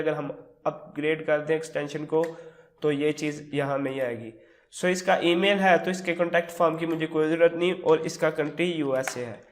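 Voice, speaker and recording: Man with a sore throat explaining a tutorial. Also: on the high side. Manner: relaxed, explains step by step with English words mixed in. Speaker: tutorial host. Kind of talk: screen-recorded tutorial walkthrough.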